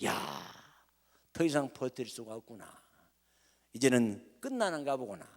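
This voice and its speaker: A preacher acting out a startled, shouting reformer. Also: male voice, steady tone, brisk, gravelly. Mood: despairing. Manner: cries out in high startled questions. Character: distraught male church reformer, alarmed then repentant. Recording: long hall reverb.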